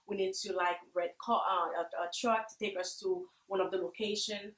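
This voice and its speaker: A woman from Haiti who founded a charity, answering interview questions earnestly, halting with many fillers. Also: medium pitch, steady tone, a bit bright. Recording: echoey room.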